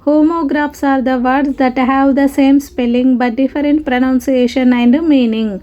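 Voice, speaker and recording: A woman's voice: high-pitched, fairly even intonation, very slow, muffled recording. A woman teaching a grammar lesson, patiently spelling words out letter by letter and repeating each rule. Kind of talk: grammar lesson explaining word pairs.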